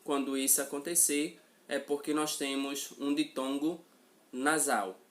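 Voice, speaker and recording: A man teaching a grammar lesson in a fairly high voice. He speaks slowly and deliberately, says each example word more than once, and keeps asking his listeners whether they follow. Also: fairly even intonation, a bit bright. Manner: slow, deliberate, repeats example words and checks in with the class.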